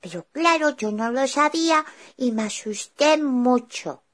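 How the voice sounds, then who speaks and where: A woman's voice: sits high, expressive, unhurried. A woman playing Lío, a chatty little boy. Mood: eager. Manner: eager, breathless retelling with stammered restarts. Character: young boy, cheerful and chatty. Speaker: child character telling a story. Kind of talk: children's show storytelling.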